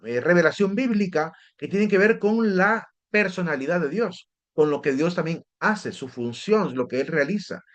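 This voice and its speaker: A man's voice: on the high side, highs cut off. A man teaching a theology class, explaining step by step and often checking in with his listeners. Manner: explanatory, repeats words and restarts, asks "¿verdad?" often. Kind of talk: lecture on theology.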